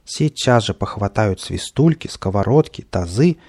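A man narrating a children's audiobook in an expressive storytelling manner. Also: lowish voice, measured pace.

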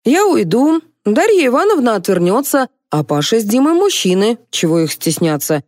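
A blunt, bossy housekeeper who shrugs off every objection, her voice leaping shrill and high, as a woman reading aloud puts her on. The sound is close and dry, with no room around it. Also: very animated, moderate pace, darkish tone, dry recording. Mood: brash. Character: bossy outspoken female housekeeper.

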